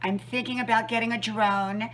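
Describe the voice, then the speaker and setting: A woman in her sixties vlogging casually while out on a run, chatty and reflective, offering gentle homespun advice outdoors. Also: a little high, steady tone, normal speed, low-quality recording. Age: 60s. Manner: chatty, reflective, talking while running at an easy pace. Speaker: vlogger with a wisdom channel. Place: outdoors on a trail and roadside.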